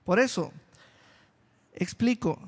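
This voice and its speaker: Slow, high-voiced preaching pastor in a hall. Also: male voice. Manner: slow, deliberate preaching with repeated phrases. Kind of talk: sermon. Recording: long reverb of a church hall.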